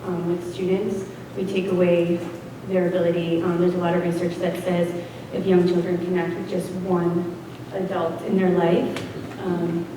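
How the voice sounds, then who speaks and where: At a town meeting in a school gym, a social worker speaks earnestly at a standing floor mic, her comment dotted with ums. Her fairly low voice barely moves in pitch and she keeps a moderate pace, and the far-off camera captures an echoey, noisy hall.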